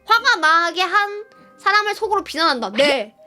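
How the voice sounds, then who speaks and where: A young woman streaming live, reading a workbook aloud and answering it with sarcastic, irritable remarks and sudden loud yells. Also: very high voice, very animated, moderate pace, soft background music.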